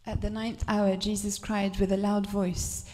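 Female sermon interpreter, flat even delivery, mellow tone, long hall reverb. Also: mid-range voice, measured pace. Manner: steady, with occasional restarts.

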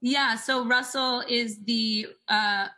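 Chatty bright-voiced young woman. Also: on the high side, fairly even intonation, takes it slowly. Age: 20s. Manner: chatty, fills speech with "like". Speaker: singer guest. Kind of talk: casual storytelling interview.

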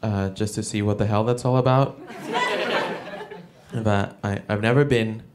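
A man from El Salvador doing a stand-up comedy set, with a halting delivery full of fillers and restarts. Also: fairly low pitch, steady tone, very noisy. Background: audience laughter.

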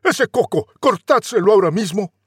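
A man voicing a brutal, unhinged young prince who barks his orders loudly. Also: high-pitched, expressive, moderate pace, slightly rough, dry recording, clean studio sound, pitched above the performer's own voice. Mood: imperious. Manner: barking, bellowing commands.

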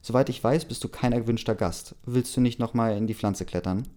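A man doing a deadpan know-it-all lady. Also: mid-range voice, a little fast, close to an everyday voice. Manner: deadpan, lecturing. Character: dry know-it-all woman, castle owner.

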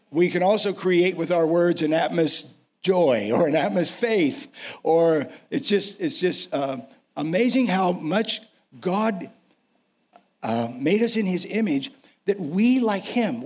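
A man in his sixties with an American accent preaching a sermon, emphatic and repeating phrases for effect. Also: a little high. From United States. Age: 60s. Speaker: senior pastor, guest preacher. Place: speaking to a church congregation.

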